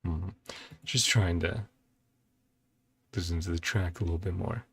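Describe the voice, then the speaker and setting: This low, slightly rough male voice has vocal fry and a bit of brightness, and he takes his time. He's the host of a reaction and ranking video, musing casually in brief, halting bits over game trailer music.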